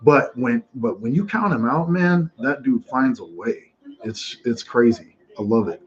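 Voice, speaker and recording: A man hosting casual live fight commentary from home, telling stories in a rambling, animated way with many restarts. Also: mid-range voice, measured pace. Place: home room watching fights. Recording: dull lo-fi sound.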